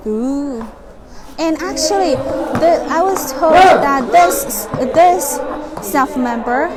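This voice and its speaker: A woman hosting a casual live stream from a horse stable, chatting excitedly and cooing at the horses. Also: on the high side. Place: horse stable with animals nearby. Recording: loud background noise from the stable.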